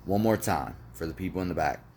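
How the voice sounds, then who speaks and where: Deep, firm-voiced man preaching positivity. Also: lively intonation, fast talker, a little mellow, slightly rough. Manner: repetitive, emphatic, swears casually. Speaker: motivational vlogger. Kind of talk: casual motivational talk.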